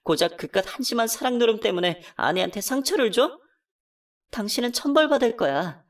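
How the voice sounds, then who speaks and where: A woman's voice: expressive, fairly quick, recorded from a distance, natural voice. A woman playing a betrayed, furious wife. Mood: angry hurt. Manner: emotional, accusing, pitch climbing when upset. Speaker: narrator and voice actor. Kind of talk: first-person radio drama narration.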